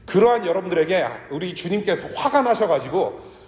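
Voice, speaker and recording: A man preaching a sermon to his congregation in a church, talking in a conversational way and sometimes dropping to a hush. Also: high-pitched, expressive, fairly quick. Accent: Korean with English words mixed in. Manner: conversational preaching, drops to a hush for tender lines. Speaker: pastor. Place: church sanctuary. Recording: echoey church hall.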